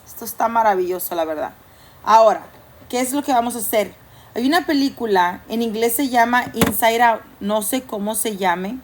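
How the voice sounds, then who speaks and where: A woman preaching a sermon with a somewhat high voice. She talks to the congregation in a loose, conversational way. She sometimes acts out inner voices and jokes. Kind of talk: church sermon.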